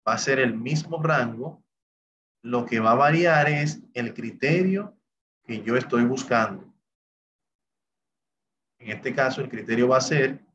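An Excel instructor with a medium-pitched voice teaches a recorded screen-share spreadsheet class, explaining what the software does at each step. He often moves on with "bien" and "entonces." The sound is lo-fi with slight background noise.

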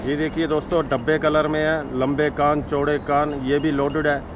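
In this walk-around sales video, a man speaks at a normal speed in a level tone, presenting his goats at his Himachal Pradesh farm. He calls the viewers friends and keeps cycling through the same sales lines. Outside sounds can be heard behind him.

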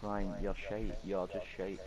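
A man's voice: low-pitched, flat delivery, unhurried, a crowd in the background. A man trash-talking and taunting in an online game chat. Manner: insulting, taunting. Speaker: gamer in a party chat.

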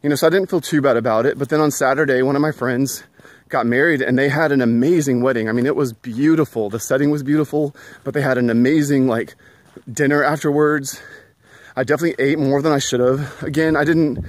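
A man's voice: medium pitch, steady tone, brisk, no room sound. A middle-aged man in a casual walking vlog, chatty and earnest, a little out of breath, filling his talk with "you know". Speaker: vlogger. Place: outdoors at a school.

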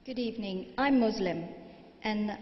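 A woman's voice: medium pitch, normal speed. A young woman from Mauritius, an audience member speaking earnestly and with frustration into a handheld mic in a large studio hall. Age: young adult. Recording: roomy, dull hall recording.

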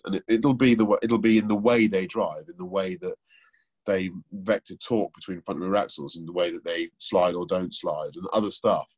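A man speaks in a deep, breathy voice that sits low in his chest. He talks through opinions on cars in a casual interview, thinking aloud and often restarting his sentences. The sound comes over a remote call. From England. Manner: thoughtful, opinionated, many restarts. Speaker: guest, car presenter.

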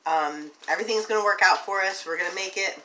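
A woman in her thirties, a vlogger, chats informally and reassuringly to her phone, held at arm's length in her home kitchen. Her medium-pitched voice is quick and sounds far from the mic. The casual home vlog recording is noisy.

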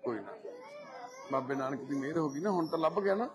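A man with a Punjabi accent, gently reassuring visitors at a charity and giving them firm advice. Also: a little high, lively intonation, a little fast. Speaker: head of a charity society, meeting visitors. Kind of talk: casual, comforting talk with visitors. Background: crowd chatter.

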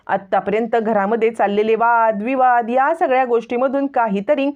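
A woman's voice: fairly high pitch, steady tone, moderate pace. A woman narrating a dramatic recap of a TV serial episode, on a lo-fi recording. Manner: dramatic retelling. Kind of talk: scripted story recap narration.

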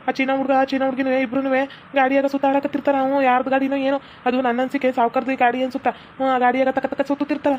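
A woman's voice: high voice, flat delivery, darkish tone, dull audio, slight background noise, close to an everyday voice. A woman doing a nosy gossiping village girl. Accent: North Karnataka Kannada. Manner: quick gossiping chatter.

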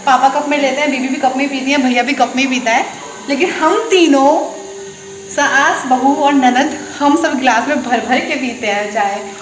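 Young woman vlogger, chatty and quick, high voice. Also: over music. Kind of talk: casual chat.

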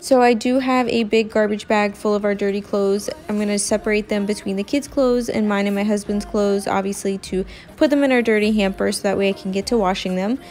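A woman's voice: mid-range voice, steady tone, brisk, a little mellow, faint music behind. Chatty young woman vlogger. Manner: chatty, many "like" fillers. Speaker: cleaning vlogger. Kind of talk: casual voice-over narration.

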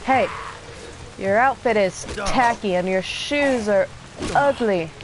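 Talking slowly in a mid-range voice, a young woman streams and comments on a game live, swearing, joking, and being sarcastic. Game audio fills the background, making the recording noisy.

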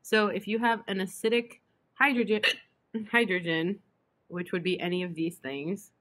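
A woman's voice: mid-range voice, steady tone, moderate pace, a bit bright. A young woman tutoring chemistry online, hiccuping and breaking off with apologies as she explains. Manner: apologetic, self-interrupting with "excuse me".

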